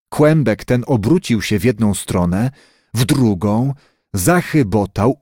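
A man narrating a children's story chapter as an audiobook, in an expressive, lively way. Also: mid-range voice, dry recording, studio quality.

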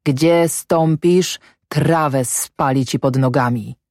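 A woman's voice: deep voice, slow pace, a little mellow, no room sound, studio quality. A narrator voicing a desperate peasant wife in a storybook reading, cursing her husband in a feverish rage. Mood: furious. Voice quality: cursing, pleading, feverish intensity.

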